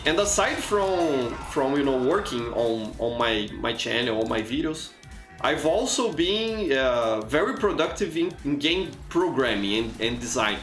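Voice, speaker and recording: His medium-pitched voice swings widely in pitch at a measured pace, fairly bright in an echoey room with faint music behind. He's a Brazilian native Portuguese speaker with a Brazilian accent, chatting through live gameplay, repeating and restarting words often and reading chat out loud.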